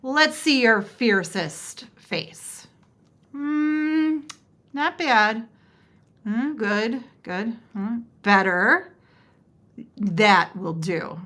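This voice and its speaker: A woman's voice: a little high, animated, extremely slow, pauses often, a bit bright, exaggerated voice. A woman voicing a patient, practical knight in a storybook read-aloud, coaching in a matter-of-fact way.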